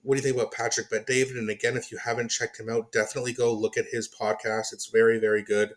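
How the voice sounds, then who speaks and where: A man hosting a reaction commentary show speaks in a mid-pitched, everyday voice. He rants with open exasperation, peppering his talk with swearing and incredulous questions, and addresses his viewers directly. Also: level tone, fast talker. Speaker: commentary channel host.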